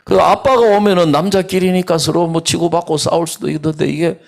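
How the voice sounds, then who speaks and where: A middle-aged man preaching a sermon at an outdoor church service, telling his story with animated swings between hushed asides and raised emphasis. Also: a little high, a little fast, gravelly. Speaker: pastor.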